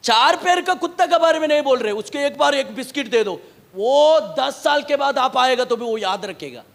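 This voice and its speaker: A man with an unusually high voice preaches a sermon as pastor. He repeats his phrases, tells listeners to read verses aloud, and calls out questions to them. His delivery jumps between loud bursts and quiet asides. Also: expressive, normal speed, gravelly. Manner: emphatic, repeats phrases, swings from loud outbursts to low asides.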